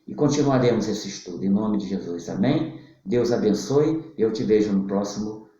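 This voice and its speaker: Fervent preacher in a very echoey room. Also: male voice, fairly low pitch, expressive, normal speed, mellow. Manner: fervent, retells scripture in plain everyday speech. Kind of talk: Bible study sermon. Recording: very echoey, dull lo-fi audio.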